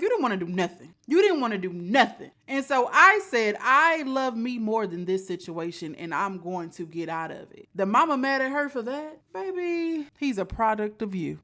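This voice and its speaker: A woman's voice: on the high side, fairly bright tone. An American woman giving informal, opinionated reaction commentary in a sassy, emphatic, colloquial way.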